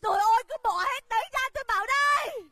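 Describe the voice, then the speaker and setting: An actress playing a flustered, scheming rural wife in a stage comedy sketch, wailing and shouting her exclamations. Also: extremely high pitch, quick pace, background noise. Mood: excited. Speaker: comic stage actor.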